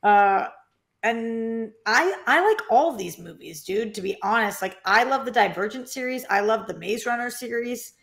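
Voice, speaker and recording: A woman's voice: on the high side, animated, moderate pace, a bit bright. A woman co-hosting a movie podcast, chatting enthusiastically and rambling through her opinions. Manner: enthusiastic, rambling, trails off mid-thought. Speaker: podcast co-host. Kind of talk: casual movie chat.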